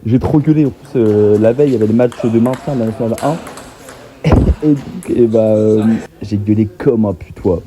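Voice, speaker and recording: A young man talking over his own table tennis match, excitable and self-mocking. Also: medium pitch, noisy background. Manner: excitable, self-mocking, laughs often, swears casually. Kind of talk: casual match commentary voice-over.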